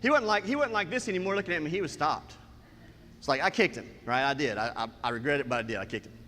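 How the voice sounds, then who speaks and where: A man telling a comic personal story in an animated way, acting out the scenes as he goes. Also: fairly high pitch, quick pace, long reverb tail, slight background noise. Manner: animated, acts out scenes and quotes.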